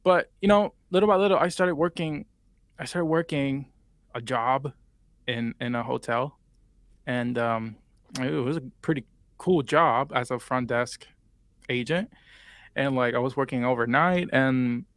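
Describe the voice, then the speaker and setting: A twentysomething man from Puerto Rico, speaking with a Spanish accent, tells his story as an interview guest, rambling with many fillers in a casual chat. His mid-range, slightly bright voice moves at a measured pace with long pauses, and no room sound is present.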